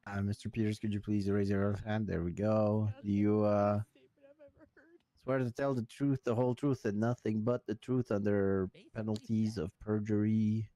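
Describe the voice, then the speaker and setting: A man role-playing a courtroom volunteer swears in a witness. He recites the oath by rote in a low, mellow, monotone voice, pausing between formal phrases. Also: lightly acted. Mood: rote, procedural. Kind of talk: improvised courtroom role-play.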